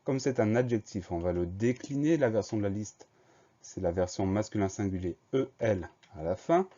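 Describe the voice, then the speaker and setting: A man with a lowish voice teaches a spelling lesson, patiently walking through each rule. He spells words out slowly, letter by letter. The recording sounds dull and lo-fi. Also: animated, dark tone.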